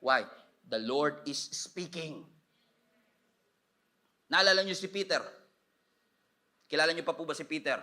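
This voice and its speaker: Filipino pastor guy preaching, super bright tone, pitch a bit up, gets loud and excited then drops quiet. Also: unhurried, long pauses. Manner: animated preaching, shouts at peaks, mixes in English. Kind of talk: sermon.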